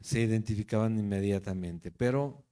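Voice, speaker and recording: A man's voice: fairly low pitch, moderate pace, warm tone, clean tone. A man from Jalisco, Mexico, with a Mexican Spanish accent, teaching the Bible verse by verse as a pastor in a conversational way, often checking in with his listeners. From Guadalajara, Jalisco, Mexico.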